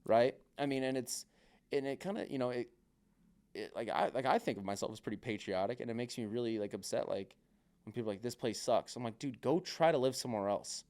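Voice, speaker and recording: A man talks on a podcast in a rambling, casual way, swearing freely and padding his sentences with filler words. His voice is smooth and resonant at an ordinary pitch. Now and then he drops into other people's voices to act out what they said. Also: fairly quick, darkish tone. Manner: acts out other people's remarks.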